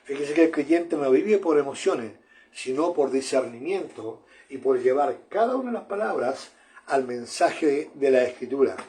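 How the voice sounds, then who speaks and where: A man's voice: medium pitch, lively intonation, moderate pace, warm tone. A man, preaching a sermon in an earnest manner, often repeating phrases and calling his listeners brother.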